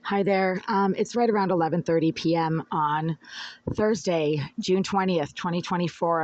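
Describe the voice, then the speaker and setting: Inside his apartment, a tenant filing complaints rants into the phone he holds, his voice hoarse and medium in pitch. The lo-fi recording has no echo, and he sounds aggrieved and rambling, fiddling with the phone mid-monologue.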